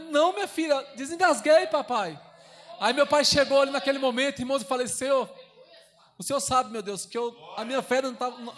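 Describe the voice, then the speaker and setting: A young deacon preaches in a church with a strikingly high voice for a man. He repeats phrases fervently and moves between raised, urgent passages and soft, hushed ones. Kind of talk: sermon.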